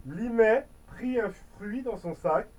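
Woman reading a fairy tale slowly. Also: on the high side, darkish tone, distant mic, low-quality recording. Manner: playful, chatty asides. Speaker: storyteller.

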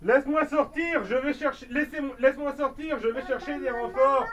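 A man's voice: very high-pitched, moderate pace, fairly bright tone, recorded from a distance, muffled recording, voice pushed up. A man voicing a boastful fake sheriff who is really a bandit, in a bedtime-style storybook role-play. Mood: pleading. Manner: boastful, then pleading.

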